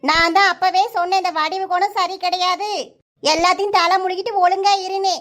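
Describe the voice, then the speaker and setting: A voice actor playing a scolding village mother in a cartoon, speaking with a Kanyakumari Tamil accent in a sharp, threatening manner. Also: level tone, brisk. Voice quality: high, pitched-up cartoon voice. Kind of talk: cartoon voice acting.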